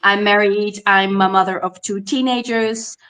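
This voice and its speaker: A woman's voice: medium pitch, fairly even intonation, a little slow, a bit bright. A woman from the Netherlands introducing herself on an online panel in short, matter-of-fact sentences. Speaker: panel guest.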